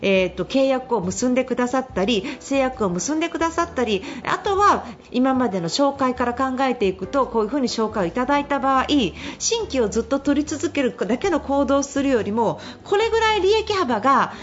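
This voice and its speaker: High, lively middle-aged woman radio host. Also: a little fast, few pauses. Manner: chatty, laughs often, animated storytelling. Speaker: radio host and business consultant. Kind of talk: casual radio advice talk. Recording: slightly dull radio broadcast.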